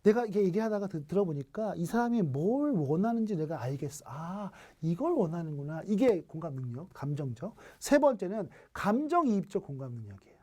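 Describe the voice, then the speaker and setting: Warm mellow-toned lecturer doing an online workshop, keeps asking the audience questions. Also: medium pitch, sing-song, a little fast, few pauses. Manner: asks rhetorical questions, acts out quoted dialogue. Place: streamed online training session.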